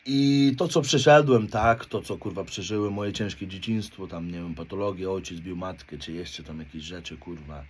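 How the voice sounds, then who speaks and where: Blunt, foul-mouthed man, low voice. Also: normal speed, hardly any pauses, a little hiss or hum. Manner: heavy swearing, street slang, keeps adding a questioning "right?". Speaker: motivational speaker. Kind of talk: blunt confessional monologue.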